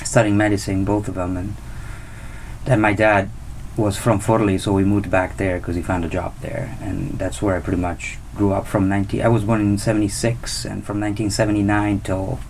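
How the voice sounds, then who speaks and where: This is a man. His voice sits on the low side, and he answers at an easy pace, often restarting his sentences. A faint hiss stays behind him. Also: vocal fry, poor audio. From Italy. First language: Italian. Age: 30s. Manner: relaxed, unhurried, with restarts. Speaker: guest musician. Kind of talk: casual interview.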